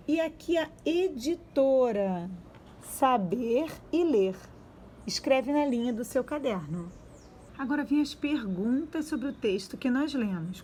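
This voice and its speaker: A woman with a Brazilian Portuguese accent teaches young children, her voice sitting a little high. She sounds out each syllable slowly and deliberately. A faint noise runs under the recording. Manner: slow, drawn-out sounding-out of syllables. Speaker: primary school teacher. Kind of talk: remote reading and spelling lesson for young children.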